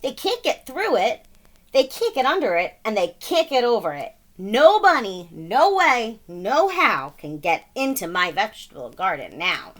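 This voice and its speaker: A woman voicing an excitable, stubborn, boastful man gardener in a storybook, exclaiming and huffing emphatically. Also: fairly high pitch, a little slow. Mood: boastful, triumphant.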